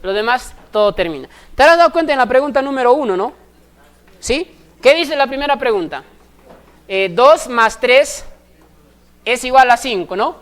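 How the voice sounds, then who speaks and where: A woman, teaching a recorded math class step by step and often pausing to ask if her students follow. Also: high voice, animated. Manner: explains step by step, constantly checking in with short questions.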